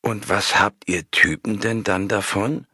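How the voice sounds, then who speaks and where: A man's voice: fairly low pitch, steady tone, unhurried, slightly rough, no echo, studio quality, exaggerated voice. A man reading an audiobook, voicing a pushy, impatient woman on the phone who insists on paying. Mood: puzzled. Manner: insistent, increasingly shouting. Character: pushy, impatient woman caller demanding a price. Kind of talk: scripted narration.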